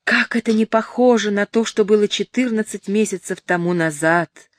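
A woman's voice: mid-range voice, moderate pace, no echo, studio quality, pitched above the performer's own voice, lightly acted. A woman reading the lines of a passionate young man who pleads and weeps. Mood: despairing. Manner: pleading, emotional. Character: passionate young male lover, pleading and tearful. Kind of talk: audiobook reading.

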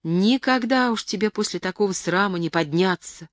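A woman's voice: medium pitch, moderate pace, no room sound, clean studio sound, natural voice. A woman reading aloud voices a young man, a tormented secret lover who pleads with feeling. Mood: anguished pleading. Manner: pleading, emotional.

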